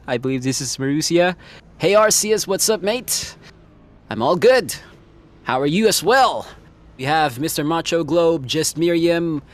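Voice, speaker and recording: Guy commentating a sim race stream, laid back, says bro a lot, voice sits a bit high and bounces around. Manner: casual, laughs often, says "bro".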